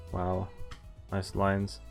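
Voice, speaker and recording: This streamer has a low-pitched, dark voice and reads through a visual novel casually as playthrough commentary. He trips over some lines and keeps adding side remarks, with game music running underneath.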